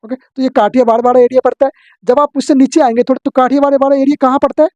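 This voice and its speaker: Fast-talking male teacher, dull lo-fi sound. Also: extremely high pitch, steady tone, a little mellow, no echo. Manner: drilling with quick questions and answers. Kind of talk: exam-prep geography lesson.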